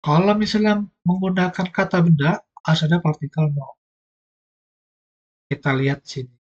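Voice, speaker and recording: A man's voice: sits high, normal speed, darkish tone, dull audio. A man teaching an online language lesson, explaining patiently step by step.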